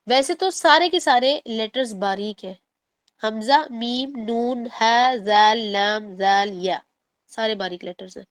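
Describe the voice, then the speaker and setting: A woman teaches the rules of Quran recitation, drawing out each word she demonstrates. Her voice sits a bit high and her pace is very slow and deliberate. The recording is dry and close, with no room sound. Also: no echo. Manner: explains rules patiently, then recites words slowly and drawn out. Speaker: tajweed teacher.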